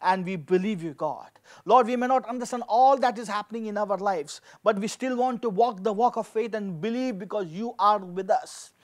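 At a moderate pace and in a high-pitched voice, a man in his forties preaches emphatically as a pastor, repeating key phrases for effect. The talk is a sermon with scripture reading and prayer. He is at a lectern in a dark-backdrop indoor studio, speaking into a handheld microphone.

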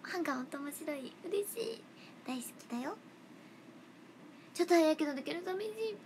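Playful, bright-voiced young woman streaming. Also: high voice, expressive, fairly quick, slight background noise. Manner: playful, chatty, drops into soft whispers. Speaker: idol livestreamer reading fan comments. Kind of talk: casual livestream chat.

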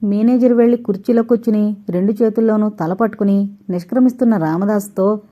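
A woman narrating an audio novel in a steady, measured reading. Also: mid-range voice, highs cut off.

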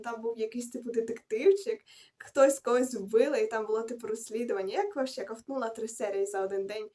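Chatty young woman with a bright high voice. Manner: chatty and rambling, with self-corrections and slangy asides. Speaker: book vlogger. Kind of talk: casual book review chat.

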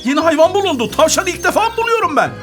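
A woman narrates her gameplay for young viewers in a chatty, playful way, breaking into sing-song tunes. Her pitch leaps around, swooping up and down through every sentence, with soft music playing underneath. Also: big pitch swings, very fast. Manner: chatty and playful, sings little tunes and giggles. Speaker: kids' gaming channel host. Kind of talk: playful game commentary for children.

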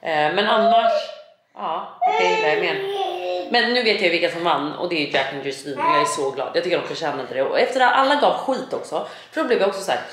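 A woman vlogging at home in a casual chat, animated and blunt, swearing freely and acting out little quoted asides. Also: fairly low pitch. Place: home, indoors. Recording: echoey room, faint background noise.

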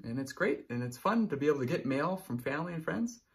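Reading to children in a small indoor room, a teacher in his thirties talks fast, sounds very animated, and keeps checking in with his young listeners as he explains things expressively. His voice is fairly high.

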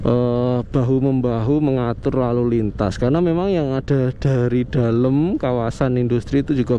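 A man's voice: medium pitch, lo-fi sound. A young man, chatting casually to viewers as he rides a motorcycle through heavy traffic. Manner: chatty, addresses viewers warmly as friends. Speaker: motovlogger. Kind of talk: casual narration while riding. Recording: faint traffic noise behind.

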